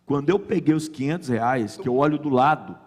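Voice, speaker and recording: A man with a brisk, mid-range voice shares a personal faith testimony as a guest. He tells it like a lively storyteller, acting out the quoted dialogue. The recording has a long reverb.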